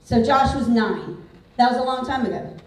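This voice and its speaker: A woman's voice: a little high, lively intonation, normal speed, distant mic. A woman, giving a candid, conversational motivational talk to an audience. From Houston, Texas. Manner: candid, conversational, frequent "like" fillers. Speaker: real estate speaker. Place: large event hall. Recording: very echoey hall, picked up from afar.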